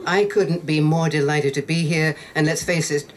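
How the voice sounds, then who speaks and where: A man's voice: fairly high pitch, steady tone, normal speed. A man presenting an award at an indoor ceremony, droll and jokey. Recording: noisy room with crowd.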